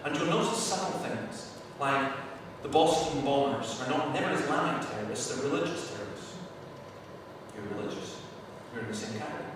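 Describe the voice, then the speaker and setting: Man speaker at a seminar Q&A, animated storyteller, captured from far off in a booming hall with background noise. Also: brisk. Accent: Scottish. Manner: animated storyteller, acts out shouting quotes. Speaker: speaker answering questions at a church seminar. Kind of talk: lively anecdotal Q&A talk. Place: large echoey hall. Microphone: far camera microphone. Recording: echoey hall from far off, noisy.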